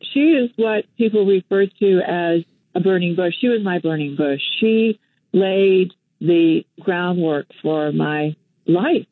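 Speaking slowly in a fairly low voice without echo, an older woman from Western Canada shares reflective stories over the phone. She's a guest activist and journalist in a casual interview, and her speech, carried on a tinny line, is full of fillers and restarts.

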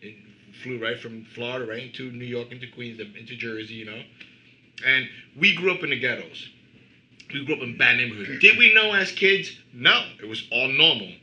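A man's voice: mid-range voice, normal speed, pushed and bright, highs cut off, a little hiss or hum. A middle-aged man from Cuba, a band member guest, telling rambling stories in casual chat with lots of "you know".

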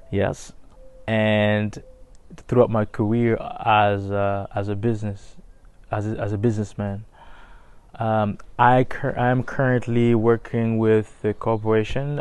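Slow, dark-voiced man from Haiti. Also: on the low side, clean tone, no echo. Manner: hesitant, many fillers and restarts. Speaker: businessman, call center manager. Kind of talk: motivational talk.

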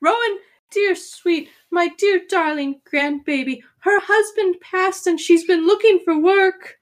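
A woman's voice: extremely high pitch, measured pace, pitched above the performer's own voice. A woman voicing a small, doting, grumbling old gnome grandmother in a tabletop game. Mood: earnest, fond. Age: older. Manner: doting, folksy muttering. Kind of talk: tabletop role-play character voice.

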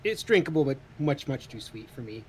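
A man in his mid-thirties co-hosting a podcast, chatting casually, animated and swearing freely. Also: medium pitch, a little fast, breathy edge. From Idaho, USA. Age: 30s. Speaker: podcast co-host. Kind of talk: casual chat.

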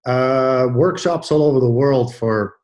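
A man in his sixties from Belgium, answering interview questions about his career in a measured way, with many pauses and restarts. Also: mid-range voice, darkish tone. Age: 60s. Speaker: guest, athletic trainer.

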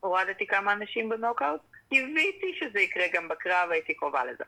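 A woman's voice: vocal fry, low-quality recording. A young woman, a professional fighter, talking animatedly as a guest in a casual interview. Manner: animated, drops into high acted-out quotes.

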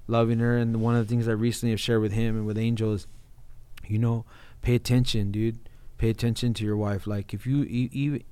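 A man's voice: medium pitch, darkish tone, smooth, no room sound. A man talking casually and earnestly in an informal, heartfelt conversation, often addressing his listener as bro. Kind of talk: casual heartfelt conversation about faith and marriage.

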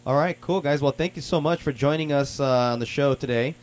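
A man's voice: on the high side, fairly quick. A man hosting a radio talk show, chatting casually and upbeat with lots of fillers. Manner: relaxed, filler-heavy, upbeat.

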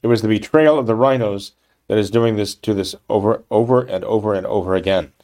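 A man speaking briskly in a lowish, darkish voice offers indignant political commentary while reading from a news article. He stresses his points emphatically, restarts often, and peppers his talk with "okay? right?"

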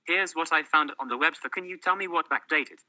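A male-sounding text-to-speech phone assistant giving even, polite answers. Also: a little high, brisk, slight background noise, poor audio. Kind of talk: synthetic assistant replies.

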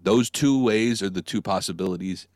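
A man's voice: fairly low pitch, normal speed, darkish tone, dry recording, studio quality. A man co-hosting a casual wrestling chat, talking through his predictions and now and then mimicking catchphrases. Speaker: podcast co-host.

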